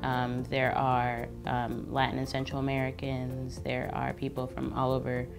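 A woman's voice: very deep voice, monotone, unhurried. A young woman from New York City, a medical student, speaking casually and with enthusiasm in a studio interview. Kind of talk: interview testimonial. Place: studio with gray backdrop. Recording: background music clearly heard.

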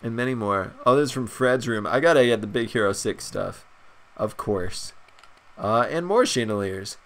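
A young gaming channel host with a stuffed-up nose chats excitedly through a video game's shop menus, rambling with lots of fillers. His mid-range voice moves at a moderate pace in this casual gameplay commentary.

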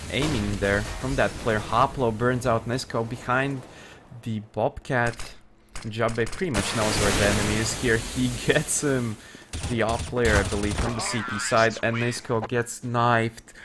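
A man casting a live shooter match, amused and often laughing in disbelief at the plays. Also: medium pitch. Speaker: esports caster. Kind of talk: live game commentary. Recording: game gunfire noise behind voice. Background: game gunshots and clicks.

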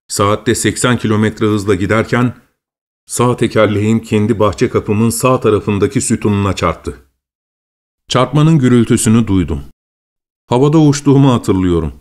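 A man who works as a voice actor, reading a story aloud as an audiobook in an expressive, dramatic way. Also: medium pitch. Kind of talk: audiobook narration.

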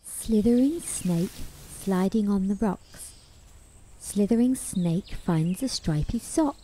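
Mellow, slow woman narrating a children's rhyme. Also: medium pitch, expressive. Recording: faint background noise.

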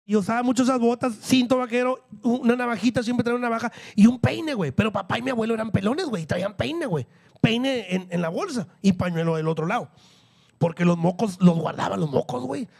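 A man's voice: very high-pitched, quick pace, creaky, darkish tone. A man telling vulgar, rowdy stories on a comedy podcast. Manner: vulgar, rowdy storytelling with mimicked voices. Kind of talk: crude comedy podcast chat.

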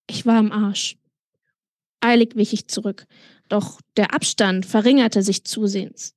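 Woman, author reading her novel aloud, calm steady narration, dry close mic, no room sound. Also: on the high side, dry recording. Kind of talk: audiobook-style reading.

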